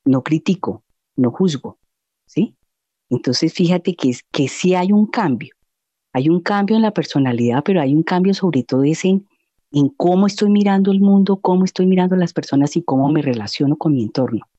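Earnest middle-aged woman, mellow dull sound. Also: low voice, animated, normal speed, dry recording. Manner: earnest, reflective, with many fillers. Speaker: guest. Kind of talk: personal testimony interview.

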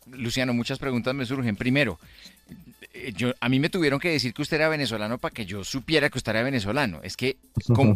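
A man's voice: medium pitch, dry recording. A man interviewing a guest, asking questions with formal address and dropping in short agreeing replies.

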